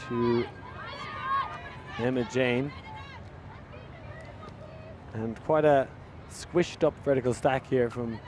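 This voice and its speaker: A man's voice: a little mellow, a little hiss or hum. Irish man commentating a live game. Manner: rises in pitch and volume on big plays, chatty with fillers.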